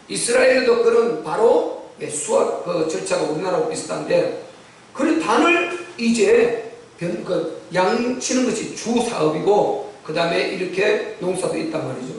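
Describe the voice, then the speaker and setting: A male pastor preaching a sermon, telling the story with animated delivery and acting out the lines of the people in it. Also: high-pitched. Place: church sanctuary. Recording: echoey church hall from far off.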